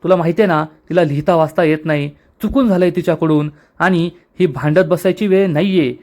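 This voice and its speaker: A man's voice: on the high side, fairly quick, darkish tone, close to an everyday voice. A man reading the lines of a stern young husband taking charge. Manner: scolding, firm.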